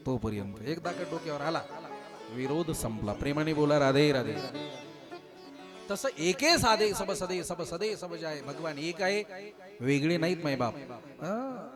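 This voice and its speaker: A man preaching a devotional kirtan, telling a story with loud and quiet turns. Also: a little high. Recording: live kirtan with instrument music.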